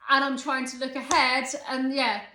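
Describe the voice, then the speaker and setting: Chatty thirties woman rambling on in a vlog, bright voice a bit high, echoey room. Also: flat delivery, moderate pace, slight background noise. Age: 30s. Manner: chatty and rambling, self-aware, determined. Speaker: vlogger. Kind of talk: casual vlog chat.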